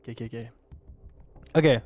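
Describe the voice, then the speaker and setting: A man's voice: fast, a little mellow, dry recording. A young man with a Singaporean accent in casual, bantering chat, speaking colloquial Singlish with Malay slang.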